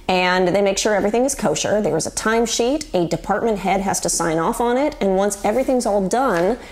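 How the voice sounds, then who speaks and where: A woman's voice: medium pitch, darkish tone. A woman in her forties hosting a show, giving wry, chatty, scripted commentary to the camera. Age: 40s. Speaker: host.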